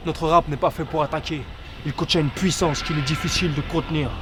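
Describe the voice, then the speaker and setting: An actor playing a pompous, nonchalant rapper in a comedy short, with lofty wording and very loud traffic noise around him. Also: male voice, a little high, steady tone, fairly quick, lightly acted. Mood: mock-solemn. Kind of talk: comedy short film acting.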